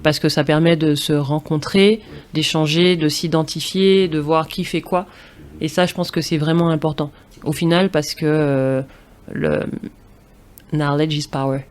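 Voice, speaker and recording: Speaking as a podcast guest in casual interview talk, a former professional basketball player from Martinique answers thoughtfully, often restarting and filling her speech with fillers. Her voice is low and a bit mellow, with fairly even intonation and a slightly slow pace.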